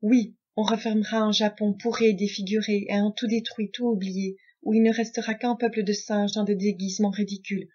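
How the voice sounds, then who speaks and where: Female reader doing a proud hot-headed samurai man, flat-ish delivery, dull lo-fi sound. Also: mid-range voice, brisk, hardly any pauses, husky, close to an everyday voice. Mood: indignant. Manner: indignant, forceful. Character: proud old-fashioned male samurai, hot-tempered.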